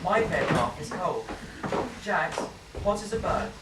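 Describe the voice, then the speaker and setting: A grown man narrating memories of his childhood, played by an actress. The voice is lowish and reflective. It sounds distant in an echoey theatre, under loud hiss. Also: animated, measured pace. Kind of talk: stage narration.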